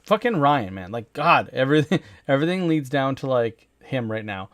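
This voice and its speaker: Young guy streamer talking over his game, excitable and sweary, dry close mic. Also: medium pitch, moderate pace, no echo. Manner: excitable, swears freely, thinks aloud. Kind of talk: casual gameplay commentary.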